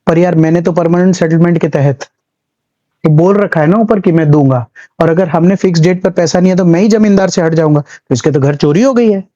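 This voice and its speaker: Mellow-voiced storytelling history teacher, man. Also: a little high, a little fast, dull audio. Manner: chatty storytelling, acts out little scenes; mixes English terms into speech. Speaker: civil services exam history teacher. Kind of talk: classroom lecture.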